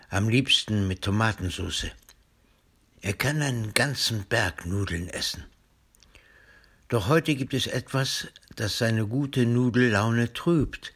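A man narrating a children's storybook in a clear, measured storytelling manner. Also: on the low side, a bit bright. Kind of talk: storybook reading.

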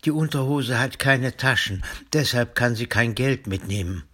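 A man's voice: mid-range voice, moderate pace, pushed and bright, slightly rough, voice pushed up. A man voicing a small, cheeky and imaginative boy in a storybook reading, with a lighter, childish manner.

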